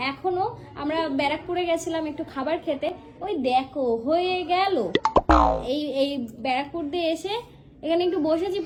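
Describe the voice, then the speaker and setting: A woman hosts a casual vlog, talking in a high voice. She is chatty and teasing, and she explains things at length. The room sounds echoey and a little noisy. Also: a little mellow, distant mic. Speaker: vlogger. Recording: echoey room with faint noise.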